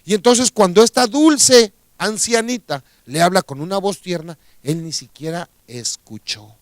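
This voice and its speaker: A man's voice: high voice, unhurried, no echo. A man with a Mexican accent preaching a radio sermon, telling a story and asking rhetorical questions of his listeners.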